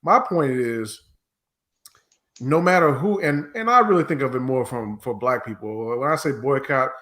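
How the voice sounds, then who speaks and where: Man, American accent, medium pitch, casual podcast panelist, opinionated, argumentative. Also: animated, moderate pace, sharp tone. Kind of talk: casual political podcast discussion.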